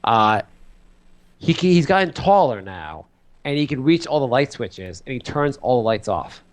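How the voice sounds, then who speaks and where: A man co-hosting a podcast, chatting casually and telling rambling, animated stories about his two small children with many fillers. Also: mid-range voice, measured pace. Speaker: podcast co-host. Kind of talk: casual chat.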